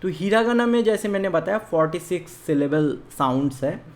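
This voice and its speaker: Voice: mid-range voice, animated, brisk, a little mellow. A Japanese language teacher from India giving an online beginner lesson, explaining patiently and counting out writing strokes aloud.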